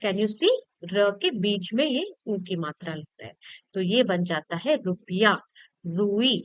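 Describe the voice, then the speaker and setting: A woman's voice: mid-range voice, animated, takes it slowly, dry recording, muffled recording. A woman teacher patiently explaining a grammar lesson to children, repeating points and checking that they follow.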